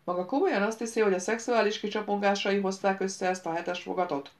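A woman's voice: medium pitch, fairly even intonation, lightly acted. A woman reading the part of a sardonic male mercenary captain, with a sarcastic, impatient manner, in an audiobook.

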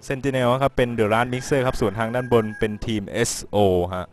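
A man's voice: mid-range voice, normal speed, soft background music. A man casually commentating a live game broadcast, laughing easily and giving viewers tips. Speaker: esports commentator.

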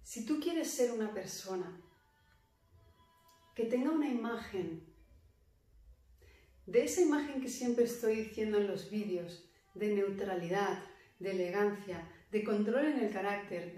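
Meditation teacher, woman, calm and deliberate, voice distant in a very echoey room. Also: medium pitch. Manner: calm, measured, speaks with slow emphatic pauses. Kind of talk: guided meditation talk. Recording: very echoey room, voice far from mic.

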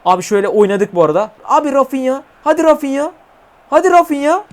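A young man commentating his own mobile football match for viewers, chatty and slangy, often swearing and shouting at the game. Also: very high-pitched, fast talker. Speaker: gaming YouTuber.

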